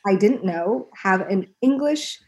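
A young woman talking as a guest on a podcast, chatty and animated, laughing often. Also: medium pitch, slow pace. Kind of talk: casual chat.

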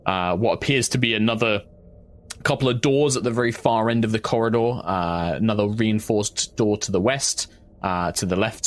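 A man narrating a tabletop game as game master, describing scenes in a measured, halting way. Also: on the low side.

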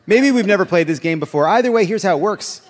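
A man with a slightly high voice hosts a live podcast game, teasing his guest in a wry, dry way. His voice rings out over a big theater, carried by a long reverb. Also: lively intonation, fast. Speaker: host. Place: large theater stage before an audience.

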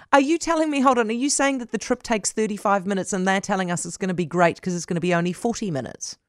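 Kiwi lady radio host, quick and blunt, pretty dry studio sound. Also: medium pitch, no echo. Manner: brisk, incredulous, outspoken. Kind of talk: radio talk interview.

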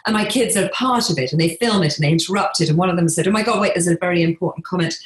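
A middle-aged woman from England, speaking in a measured, reflective way with frequent pauses and restarts as an interview guest. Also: on the low side, echoey room, poor audio. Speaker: interior designer and author being interviewed.

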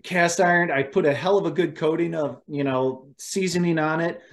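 A man hosting a casual chat, telling animated stories about cooking wild game and laughing often. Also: a little high, moderate pace. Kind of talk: casual conversation.

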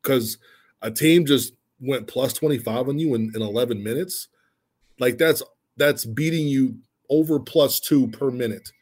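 A man talking as a guest on a sports podcast, excitable and casual, repeating phrases for emphasis. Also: medium pitch, a little slow, slightly rough.

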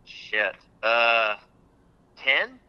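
A man's voice: mid-range voice, sing-song, very slow, clean tone. A man calling in on a buzzy, glitchy phone line, guessing hesitantly through a quiz and swearing mildly. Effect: buzzy, glitchy phone call audio. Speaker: caller playing a phone quiz. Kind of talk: casual on-air phone chat.

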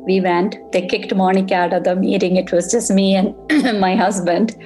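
A woman's voice: mid-range voice, moderate pace. Casting: composed woman interviewee, plain recollection, faint music bed. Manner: steady, matter-of-fact recounting. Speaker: interviewee, bereaved mother.

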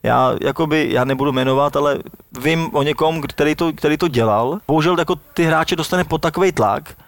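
A man's voice: on the high side, no echo. Man, former footballer, casual interview, rambling with restarts, dry close sound. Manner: rambling, many restarts and fillers.

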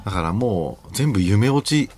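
A man's voice: on the low side, animated, moderate pace, darkish tone, slight background noise. A man in his forties co-hosting a radio show, telling jokey, rambling stories in casual chat from a studio. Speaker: radio co-host.

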